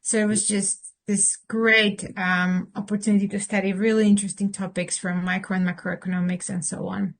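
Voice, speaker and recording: A woman from Slovakia in her thirties, speaking in a mid-range voice as an interview guest. She answers thoughtfully, pausing with fillers and restarting her sentences as she goes. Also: medium pitch, flat delivery.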